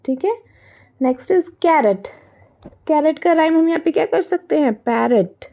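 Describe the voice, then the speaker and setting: A woman's voice: sits high, expressive, a little slow, dark tone. A woman with an Indian accent teaching young children from a workbook, switching between Hindi and English, asking questions and answering them herself. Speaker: primary school teacher.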